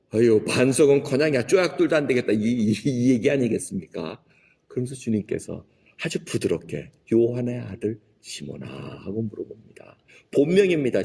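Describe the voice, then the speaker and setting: A man's voice: medium pitch, mellow, breathy edge. A male pastor giving a conversational sermon and acting out the quoted dialogue himself. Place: church sanctuary. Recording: long hall reverb.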